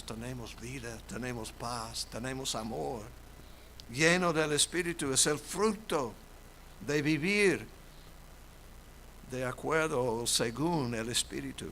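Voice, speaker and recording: A man preaching in a church, his voice bright and edged with gravel. He speaks slowly and deliberately, then swells into loud, emphatic declarations. A faint hum of room noise sits behind him. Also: medium pitch, low-quality recording. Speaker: pastor. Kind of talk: sermon. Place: church sanctuary.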